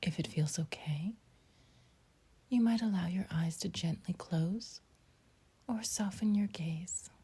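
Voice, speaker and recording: Speaking in a gentle, breathy voice close to a whisper, a woman leads a scripted guided meditation. Her pitch is lowish, and she uses short phrases with long pauses.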